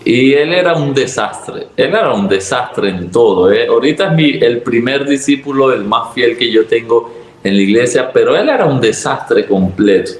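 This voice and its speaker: A man from Venezuela with a Venezuelan Spanish accent, a pastor telling his personal testimony in conversation, acting out what people said with sudden jumps in his voice. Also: normal speed. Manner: lively storyteller who acts out dialogue with sudden jumps in pitch. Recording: roomy echo.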